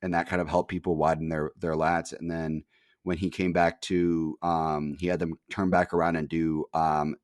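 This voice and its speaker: A man's voice: extremely low pitch, level tone, normal speed, dry recording, studio quality. A young man hosting a podcast, telling a rambling story in casual chat, full of fillers and casual swearing. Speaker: podcast host.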